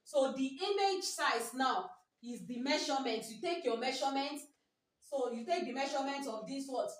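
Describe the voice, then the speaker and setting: A woman's voice: sits high, normal speed, recorded from a distance. A woman with a Nigerian English accent teaching a biology exam-prep lesson, often repeating herself and asking "what?" before answering her own question. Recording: echoey room, voice from afar.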